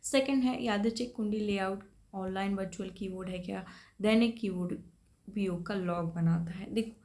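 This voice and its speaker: A woman's voice: mid-range voice, normal speed, darkish tone. A woman teacher explaining computer topics for a competitive exam in a patient lecture style, checking in often with her students. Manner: explanatory, checks in with repeated "thik hai". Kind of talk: classroom lecture.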